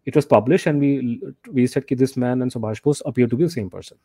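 Fast-talking North Indian man, mellow voice. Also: mid-range voice, breathy edge, dry recording. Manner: animated recollection, repeats himself and often says "you know". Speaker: interview guest, journalist and author. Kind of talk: casual interview, storytelling.

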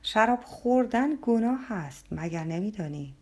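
A woman's voice: mid-range voice, expressive, darkish tone, husky. A bullying young policeman, as a woman reads him. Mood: threatening. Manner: scolding, menacing.

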